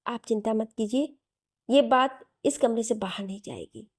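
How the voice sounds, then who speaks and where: A woman voicing a calm, gentle young man in a storybook reading. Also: a little high, normal speed, natural voice. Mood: reassuring. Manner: calm, reassuring.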